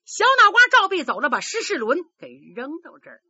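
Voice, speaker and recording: A woman's voice: sits high, big pitch swings, a little fast, pushed and bright, dry recording, highs cut off. A woman telling a traditional story vividly, acting out sound effects with her voice.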